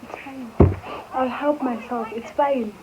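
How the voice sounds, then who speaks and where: A woman's voice: high voice, fairly even intonation, slow. A young woman hosting a casual prank vlog, talking playfully and mixing in local words. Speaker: vlogger. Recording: tinny phone-like audio with faint noise.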